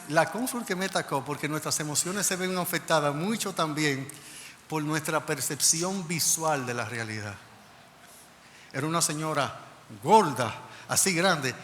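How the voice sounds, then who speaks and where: A male pastor preaching a sermon, telling a personal story in an animated way and acting out the dialogue. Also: a little high. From Dominican Republic. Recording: reverberant church hall, faint noise.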